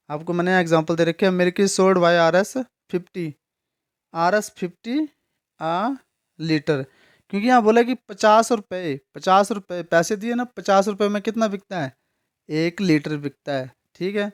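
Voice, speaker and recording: A man teaching an English grammar lesson, patiently explaining, repeating words, checking if students follow and spelling some words out slowly letter by letter. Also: high voice, clean tone.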